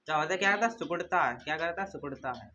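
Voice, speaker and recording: A high-pitched man teaching a class, asking questions and answering them himself, and drilling the same terms again and again. The recording is slightly muffled, with a faint hum behind it. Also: expressive, fast talker, pushed and bright. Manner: drills terms in call-and-response rhythm. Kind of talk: classroom lecture.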